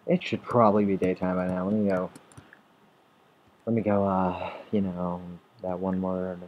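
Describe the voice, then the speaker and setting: Through a desktop or headset mic with the highs cut off, a low-pitched gameplay commentator talks at a moderate pace with little pitch movement. His let's-play commentary rambles, swears, restarts sentences and speaks directly to the monsters.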